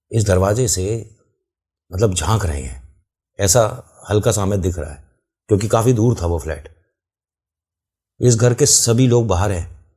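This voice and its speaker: Husky low-voiced man telling a ghost story. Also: mellow. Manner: conversational, addresses the listener directly and explains the scene. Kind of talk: casual first-person horror story narration.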